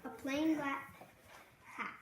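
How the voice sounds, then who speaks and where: High, youthful female kids party magician, echoey. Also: little pitch movement, slow pace. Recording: roomy echo under loud music.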